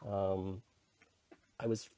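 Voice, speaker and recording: This middle-aged podcast guest speaks Canadian English and consults on intercultural communication, telling his own story in a casual interview full of restarts. He has a low, mellow voice, a level tone, and a very slow pace. There's no echo in the recording.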